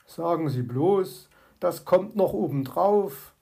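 A woman's voice: lowish voice, a little slow, vocal fry, mellow. A woman voicing a good-natured male friend who talks in a laughing, teasing way.

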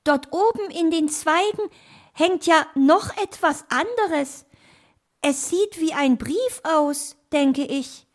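A woman's voice: sits high, animated, takes it slowly, voice pushed up. A woman doing a timid long-eared hare. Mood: curious. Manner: anxious, careful. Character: timid hare with big ears.

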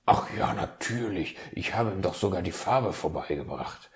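A man voicing an excitable, fussy male fox in a storybook tale, speaking high and loud. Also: moderate pace, a little hiss or hum. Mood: eager.

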